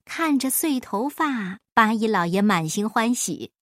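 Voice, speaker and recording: A woman reading a children's folk story aloud in an expressive, measured way. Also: fairly high pitch, no room sound, clean studio sound.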